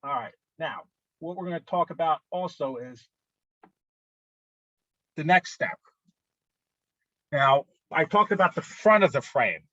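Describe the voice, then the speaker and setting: A man presenting rules to an art club in a casual instructional talk, often pausing to ask "okay?". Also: a little high, expressive, sharp tone, dry recording, muffled recording. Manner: conversational, frequent "okay?" check-ins.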